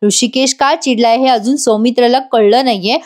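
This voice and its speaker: A woman narrates a voice-over recap of a TV serial in a chatty way. She keeps speaking directly to her viewers. Her voice sits a bit high. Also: fairly even intonation, normal speed. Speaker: serial review host.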